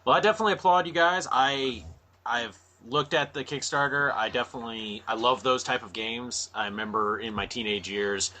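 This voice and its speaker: Bright, enthusiastic male co-host. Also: medium pitch, a little fast. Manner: enthusiastic and joking. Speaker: podcast co-host. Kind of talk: casual podcast chat.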